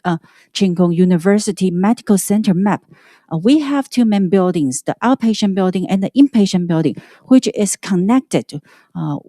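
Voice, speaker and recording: A woman speaking through a face mask gives a halting prepared presentation as a hospital representative, with frequent stumbles and self-corrections. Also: mid-range voice, warm tone, no room sound, clean studio sound. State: sick.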